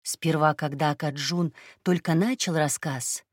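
Low-voiced woman calmly narrating a storybook. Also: measured pace, no echo, clean studio sound. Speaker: audiobook narrator. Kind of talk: scripted first-person narration.

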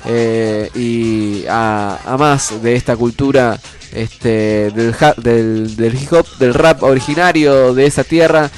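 A man's voice: medium pitch, fairly even intonation, takes it slowly. A man with an Argentine accent and a nasal voice stuffed up by a cold, hosting a community radio show in a conversational, earnest way. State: congested with a cold. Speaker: radio host. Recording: music playing under the voice.

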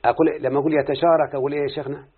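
A man speaks rapid-fire in a fairly high voice with little pitch movement and a breathy edge, his Egyptian accent clear despite the tinny, phone-like audio. He's a student answering questions on Arabic morphology step by step, checking with his teacher as he goes.

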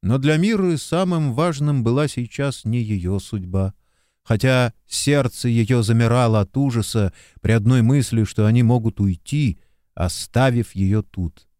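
A man narrates a novel in an even, measured way, taking his time over each phrase. His voice sits at a middle pitch and sounds close and dry, with no room around it. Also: no echo. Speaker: audiobook narrator. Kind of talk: scripted narration.

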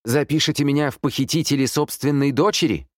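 A man's voice: medium pitch, animated, normal speed, darkish tone, no echo, clean studio sound, voice pushed up, natural voice. A man voicing a frightened mother on the run, tense and pleading in a raised voice. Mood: distraught.

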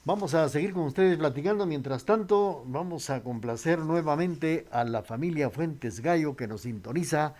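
A man hosting a radio music program, chatting casually and pausing with hesitations while he reads the news items. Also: a little high, darkish tone. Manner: chatty, unhurried, pauses with "eh" while reading. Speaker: radio host.

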